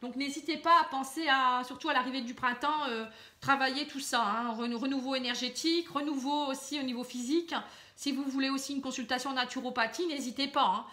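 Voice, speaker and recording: A woman with a high, bright voice giving a casual card reading straight to the viewer. She talks in a loose, chatty way, full of fillers and little tags. She keeps advising the listener gently. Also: steady tone, brisk. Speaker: card reader. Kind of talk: casual tarot reading to camera.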